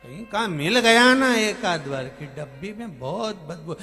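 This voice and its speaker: A man with a fairly high voice and a Madhya Pradesh Hindi accent delivers a devotional sermon, breaking into sung lines. He speaks slowly, stressing his points with sudden loud bursts before dropping to quiet asides. Faint music plays behind him at the live gathering. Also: animated. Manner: sings bhajan lines, then preaches with emphatic rising outbursts and soft drops. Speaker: kathavachak preacher.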